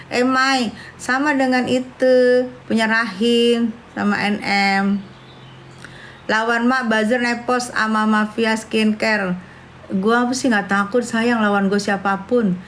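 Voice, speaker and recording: A woman's voice: a little high, a bit bright, a little hiss or hum. A woman, chatting brashly and scornfully on a livestream, calling her viewers darling. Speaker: livestream host. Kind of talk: casual livestream chat with viewers.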